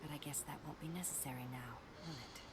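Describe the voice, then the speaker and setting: An actress playing a scheming female alien diplomat who speaks smoothly and condescendingly. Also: deep voice, fast, background noise, lightly acted. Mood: calculating.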